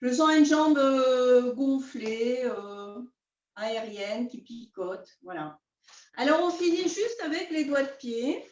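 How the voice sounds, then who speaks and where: A woman teaching a beginners' qi gong class, calmly guiding her students step by step. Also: sits high. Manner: calm, unhurried, step-by-step guidance. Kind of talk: guided class instruction. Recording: roomy, distant, dull sound.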